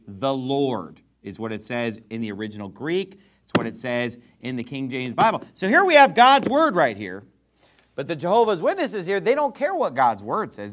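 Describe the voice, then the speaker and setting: In a church, a male pastor with a mid-range voice delivers an emphatic sermon, putting rhetorical questions to the congregation.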